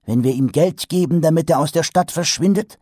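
A man voicing a brusque, clipped male city ruler, in a raised, high voice. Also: a little fast, a little mellow, no echo, studio quality, lightly acted. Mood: indignant. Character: Lord Vetinari, brusque middle-aged male city ruler.

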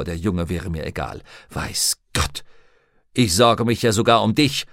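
A man's voice: medium pitch, no echo. A male audiobook reader voicing a strict, nagging middle-aged housekeeper woman in a dry, close recording. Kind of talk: audiobook reading.

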